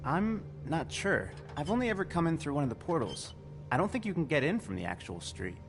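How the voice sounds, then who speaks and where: A man's voice: a little high, big pitch swings, brisk, gravelly, music in the background. An actor playing a humble, anxious young doorman in a video game, polite and pleading in manner. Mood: polite, nervous.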